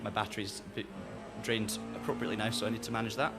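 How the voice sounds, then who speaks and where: Soft Highland Scottish man, music behind. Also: little pitch movement, fast. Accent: soft, fairly neutral Highland Scottish. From Scottish Highlands, north of Inverness. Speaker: livestream host and sim racer. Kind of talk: casual livestream chat while gaming.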